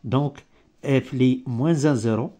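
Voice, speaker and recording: A man with a mellow, dark voice of medium pitch gives an improvised maths lesson. He is not a native French speaker and talks slowly in halting, broken French, often searching for a word and making small grammatical slips. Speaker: maths teacher.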